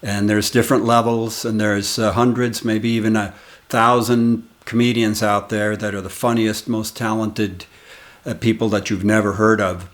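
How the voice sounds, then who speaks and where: With a low, flat delivery, this sixty-something comedian from the United States hosts his channel and rambles fondly through memories of his early career. The anecdotes come slowly and casually, with no rush.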